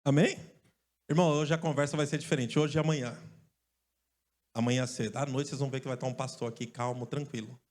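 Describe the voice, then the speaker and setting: A male pastor from Brazil preaching a lively sermon, joking and calling out to his congregation. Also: medium pitch, fast talker, long pauses. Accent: Brazilian Portuguese. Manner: lively, joking storyteller who calls out to the congregation. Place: church stage.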